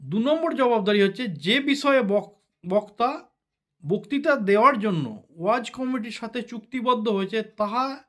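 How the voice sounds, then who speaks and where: Man, high voice, religious talk, explains step by step, asks listeners to confirm. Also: lively intonation, a little slow, fairly bright tone. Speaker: religious speaker. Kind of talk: sermon-style religious talk.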